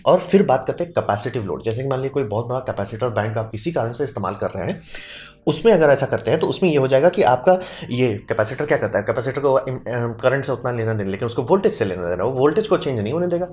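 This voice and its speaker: A man talks through a science lesson in a casual, chatty way. His voice sits at an ordinary middle pitch, and he keeps it playful with homely comparisons and little acted-out voices. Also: animated, fast, a little mellow, faint music behind. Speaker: science educator.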